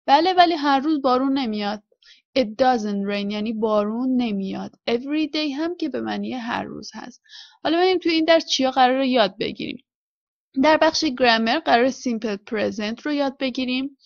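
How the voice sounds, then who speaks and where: A woman with a Persian accent teaching an English textbook lesson. She reads English phrases slowly, often twice, then explains them quickly. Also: a little high, vocal fry, dry recording, lo-fi sound.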